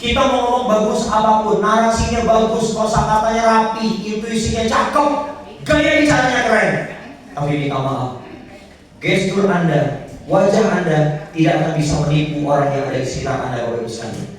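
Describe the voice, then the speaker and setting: A man giving a motivational business seminar to a live audience, acting out little dialogues in a raised voice. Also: fairly quick. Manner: animated, acts out dialogues in a high voice. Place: large indoor hall with audience. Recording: echoey hall, mic heard from far off.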